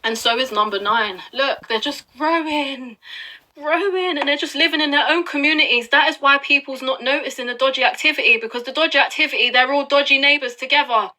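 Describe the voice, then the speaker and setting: A woman's voice: high voice, a little fast, bright, forceful tone. A woman giving an upset, urgent commentary to her viewers, swearing and pressing her points. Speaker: video blogger. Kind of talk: live commentary on online records.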